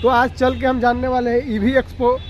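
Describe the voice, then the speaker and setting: A man's voice: very high voice, flat delivery, a little fast, lo-fi sound, slight background noise. A young man from Bihar, India, vlogging a walkaround of vehicles at an outdoor expo and chatting to viewers as brother, recorded on a handheld phone. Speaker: auto vlogger. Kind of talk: walkaround vehicle review vlog. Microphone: phone camera at arm's length.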